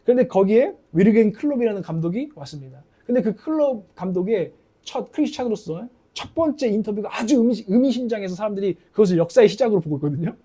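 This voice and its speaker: Lively high-voiced male preacher. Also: fast talker, husky. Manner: animated storytelling preaching. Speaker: pastor. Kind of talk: sermon.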